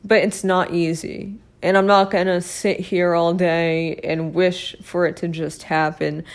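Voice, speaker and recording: Hoarse young woman hosting a podcast. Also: lowish voice, flat delivery, measured pace. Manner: rambling, many fillers, self-mocking laughs. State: losing her voice, hoarse. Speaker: podcast host. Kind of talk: casual solo podcast chat.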